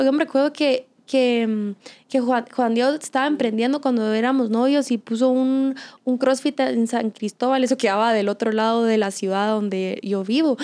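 Young woman w high voice, earnest faith chat, lots of ems and o seas. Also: darkish tone. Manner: earnest, encouraging, many fillers. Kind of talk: casual faith-based advice chat.

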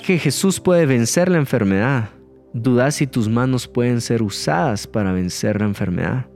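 A man preaching an emphatic sermon, swinging his pitch up and stretching words out to stress a point. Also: a little mellow. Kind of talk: recorded sermon.

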